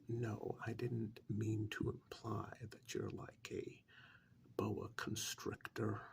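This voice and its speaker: A man whispers through an ASMR role-play as an earnest, courteous tax accountant, flustered and apologetic, hesitating and repeating himself often. His voice has a fairly low pitch, vocal fry, and an exaggerated quality.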